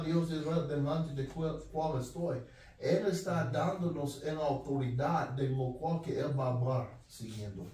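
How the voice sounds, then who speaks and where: Man, preacher, sermon, high voice, earnest, very echoey room. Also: mellow, far from the mic. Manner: earnest, direct, repeats phrases.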